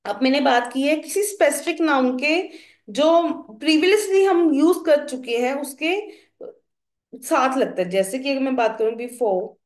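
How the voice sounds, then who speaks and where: A young woman teacher, explaining grammar slowly and asking her students questions. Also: high voice, animated. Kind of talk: classroom grammar lesson. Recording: echoey room.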